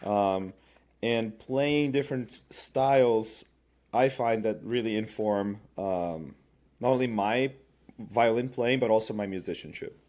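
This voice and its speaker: A man's voice: fairly low pitch, a little slow. A man from Brazil, a violin professor, talking casually as an interview guest with many fillers. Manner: relaxed, many fillers like "like" and "you know".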